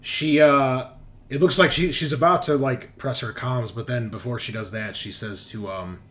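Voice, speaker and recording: Narrating a tabletop roleplaying game with background music underneath, a man with a medium-pitched, fairly bright voice keeps a moderate pace. He plays game master in a relaxed, crude, bantering style.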